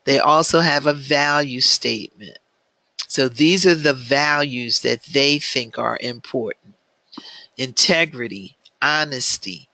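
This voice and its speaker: Slow, bright-voiced male class instructor. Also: medium pitch, no echo. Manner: measured, with frequent filler ums. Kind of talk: online class lecture.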